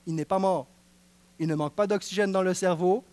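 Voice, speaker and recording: A man preaching a sermon with a Quebec French accent, swinging from hushed passages to fervent exclaiming. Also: high voice, brisk, no echo. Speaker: pastor.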